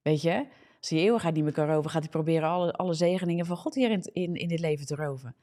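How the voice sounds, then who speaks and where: This deep, warm-toned woman preaches rapid-fire in a live social media sermon during a morning broadcast. Her Dutch accent comes through as she fervently checks in with "ja?" and restarts and corrects herself.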